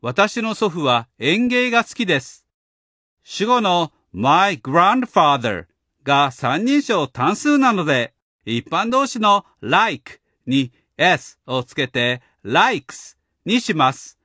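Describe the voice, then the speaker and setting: A man hosting a language lesson, explaining grammar in a clear, patient, instructional way. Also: fairly high pitch, big pitch swings, takes it slowly, pushed and bright, no room sound. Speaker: language teacher host.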